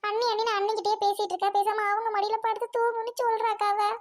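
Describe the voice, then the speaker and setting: A woman acting a sharp-tongued, quarrelsome young bride in a Tamil audio drama, scolding her husband and his family. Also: extremely high pitch, little pitch movement, very fast. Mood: complaining.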